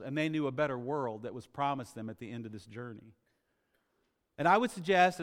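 A man preaching a sermon in a church sanctuary, telling stories and swelling to loud, emphatic phrases. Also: fairly high pitch. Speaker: pastor. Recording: long church reverb.

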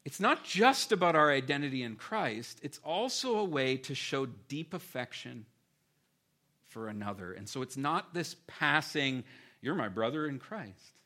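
A man preaching a sermon as pastor, with animated emphasis that keeps dropping to quiet, earnest stretches. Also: medium pitch, a little slow.

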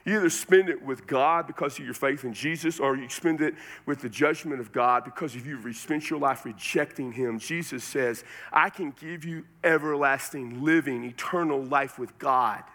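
A man from Texas with a Texan accent preaches in a relaxed, folksy way, full of homespun sayings and asides to the congregation. His voice sits at an ordinary middle pitch. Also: normal speed, few pauses. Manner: folksy, conversational preaching with colloquialisms. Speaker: pastor. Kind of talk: sermon.

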